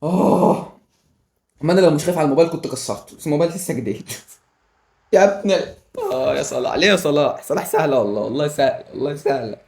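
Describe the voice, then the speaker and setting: A man with an Egyptian Arabic accent doing excitable live commentary over a football video game, yelling at the players and joking with viewers. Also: on the high side, racing, gravelly. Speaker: gaming YouTuber.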